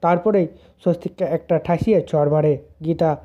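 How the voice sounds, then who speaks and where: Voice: mid-range voice, moderate pace, warm tone. A narrator plainly retelling a serial's episode as a story. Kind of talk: storytelling recap. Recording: dull lo-fi sound.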